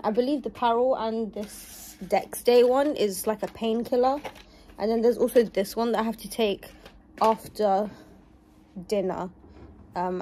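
A woman's voice: medium pitch, mellow, a little hiss or hum. A young woman vlogging while recovering from surgery, talking to viewers with a shaky, pained voice. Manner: chatty, talks to viewers. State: shaky voice, in pain. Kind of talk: casual vlog.

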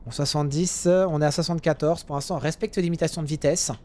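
A young man giving casual, jokey commentary while playing a driving game, now and then yelling at other drivers. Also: on the high side, fairly even intonation, fast talker. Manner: chatty, jokey, swings to loud yelling at drivers. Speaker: gaming youtuber.

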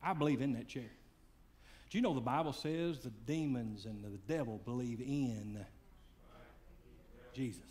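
A man preaching a sermon, swinging between loud fiery calls and hushed, quiet lines. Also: mid-range voice, a little slow, pauses often. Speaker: pastor.

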